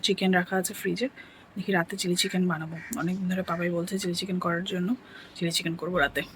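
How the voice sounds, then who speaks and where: A woman from India chatting softly through a casual daily home vlog, rambling with little fillers. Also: lowish voice, little pitch movement, fast talker, slight background noise. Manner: talking softly so her son can sleep. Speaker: home vlogger.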